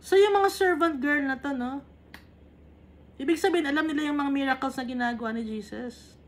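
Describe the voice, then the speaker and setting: A woman's voice: high voice, fairly quick. A woman from the Philippines leading a Bible study. She reads English verses and then explains them in casual, conversational Tagalog, often checking in with little tag questions. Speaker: Bible teacher.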